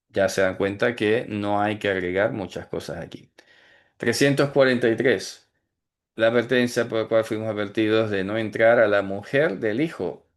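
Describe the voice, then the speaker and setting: A man giving a religious teaching, explaining in a conversational way and slowing down to stress key words. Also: fairly low pitch. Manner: explanatory, asks "¿vale?" and "¿sabes?" often, slows to stress key words. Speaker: teacher of Torah commandments. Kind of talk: recorded teaching talk.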